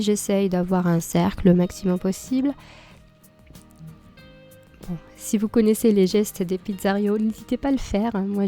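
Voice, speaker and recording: Talking through a recipe in a cooking tutorial voice-over, this cooking channel host sounds calm and mellow, her mid-range voice a little hoarse from a cold. She lays out each step plainly with an occasional small filler while soft music plays underneath.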